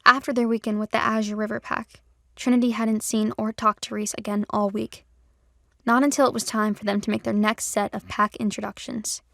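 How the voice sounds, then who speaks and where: Female audio drama narrator, expressive; gravelly texture, dry close studio sound. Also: mid-range voice, a little fast, no room sound. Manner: expressive storytelling, heated in dialogue.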